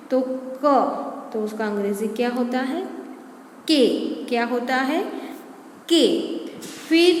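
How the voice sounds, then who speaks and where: A woman teaching a primary-school class, explaining the alphabet slowly and spelling out letters one at a time. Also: sits high. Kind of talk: online class lecture. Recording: echoey room with long reverb, faint hum.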